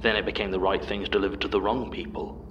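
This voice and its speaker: A middle-aged man reading a scripted horror statement in a measured, hushed way. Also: sits low, steady tone, muffled recording, background noise.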